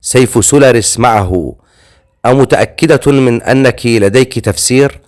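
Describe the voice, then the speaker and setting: Big gruff chieftain, man narrating him, blunt, audiobook, medium voice. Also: medium pitch, moderate pace, darkish tone, close to an everyday voice.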